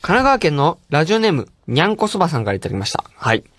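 A man's voice: on the high side, very animated, very fast, fairly bright tone, dry recording. A man hosting a radio show, reading listener mail in a playful, chatty way and laughing often.

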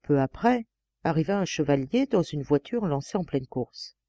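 A woman reads a classic fairy tale aloud with a lively, expressive rise and fall. Her tone is mellow and soft-edged. The close mic gives a dry, booth-like sound. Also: low voice, normal speed, no room sound. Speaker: audiobook reader. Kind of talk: scripted fairy-tale narration.

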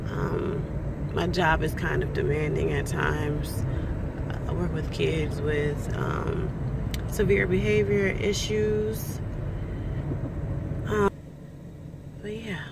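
A woman's voice: deep voice, fairly even intonation, slow pace, vocal fry, long pauses, distant mic. A young woman chatting casually to camera in a vlog while on the road in a car. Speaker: vlogger. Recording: loud car road noise behind.

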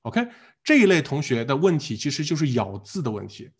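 A husky-voiced man teaches a live online exam-prep class. His pitch jumps around as he quizzes listeners and drills the same word over and over. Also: a little fast. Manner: animated, asks the class questions and drills words by repetition. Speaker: PTE English teacher.

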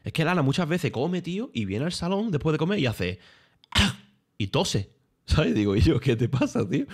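A young man, streaming and telling stories in casual chat, full of slang and swearing. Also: on the low side. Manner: animated storytelling with lots of slang and swearing.

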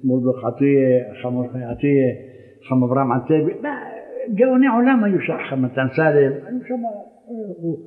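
An older man, a rabbi, telling a story in a rambling, anecdotal way with many hesitations. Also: mid-range voice. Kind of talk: storytelling lecture. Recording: echoey hall over a tinny phone-like line.

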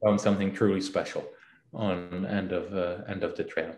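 Man from the Republic, halting, in an echoey room. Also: low voice, steady tone, a little mellow, slight background noise. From Czech Republic. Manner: halting, many fillers and restarts. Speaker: CEO guest. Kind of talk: casual interview answers.

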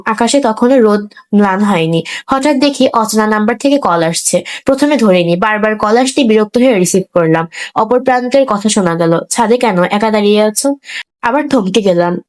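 A young woman narrating a first-person romance story in a soft, emotional way. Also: medium pitch, low-quality recording.

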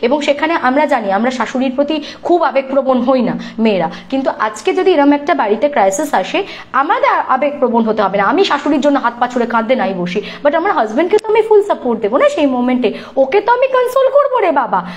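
A woman in her thirties with a Bengali accent, a YouTuber telling a story to her live audience in an animated, indignant way. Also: high-pitched. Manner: animated, indignant, acts out the people she quotes. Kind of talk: casual storytelling chat.

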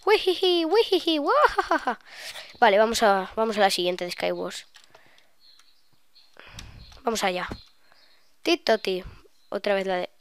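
Smooth-voiced young woman gamer. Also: mid-range voice, a little slow, long pauses. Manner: chatty, excitable, bursts of shrieks. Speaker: gaming YouTuber. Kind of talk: live gameplay commentary.

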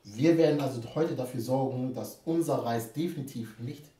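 A man's voice: medium pitch, moderate pace, mellow. A man in his thirties hosting a casual cooking vlog in a home kitchen, hyped and slangy, joking with his guest. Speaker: cooking show host. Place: home kitchen studio, indoors. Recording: roomy and distant.

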